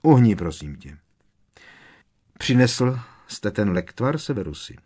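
A calm, elderly wizard headmaster who speaks quietly and steadily, as a male reader puts him on. The deep voice stays close to the reader's own. It comes from a storybook reading. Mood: calm questioning. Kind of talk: audiobook character voice.

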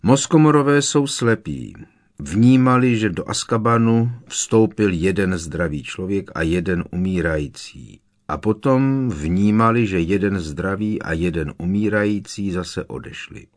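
A man voicing a young male prisoner who confesses in a flat, expressionless monotone. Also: low voice. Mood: flat confession. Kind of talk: audiobook character voice.

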